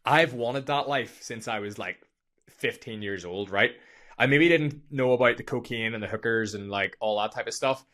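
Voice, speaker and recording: A young man telling a story on his podcast, energetic and profane, with lots of fillers, speaking into a studio microphone. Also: medium pitch, moderate pace. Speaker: podcast host. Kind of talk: casual storytelling monologue.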